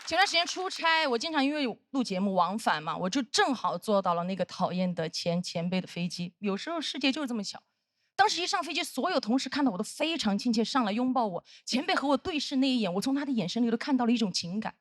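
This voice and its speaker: A woman's voice: a little high, lively intonation, fast, dry recording, studio quality. A young adult woman performing a stand-up comedy routine on stage, telling a punchy story full of quoted dialogue. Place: stage with live audience.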